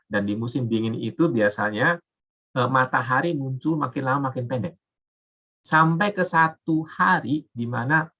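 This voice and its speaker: A man's voice: medium pitch, bright, forceful tone, slightly rough, muffled recording. A man giving a casual Bible lesson, explaining step by step with frequent filler words. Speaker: Bible teacher. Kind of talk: casual teaching talk.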